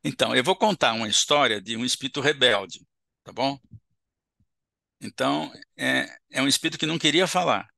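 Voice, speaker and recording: A man's voice: mid-range voice, animated, brisk, creaky, sharp tone, no echo, studio quality. A man giving a seminar lecture in an auditorium, explaining step by step and checking in with the audience with short tag questions.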